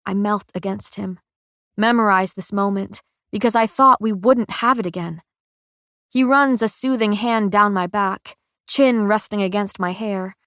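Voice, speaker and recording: A woman narrating a first-person audiobook in a slow, measured, emotional reading on a close studio mic. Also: medium pitch, fairly even intonation, a bit bright, no room sound.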